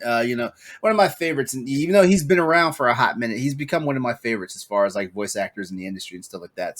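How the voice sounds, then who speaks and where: A man hosting a casual gaming podcast, chatty and excitable, with many fillers and bursts of laughter. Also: medium pitch. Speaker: podcast host.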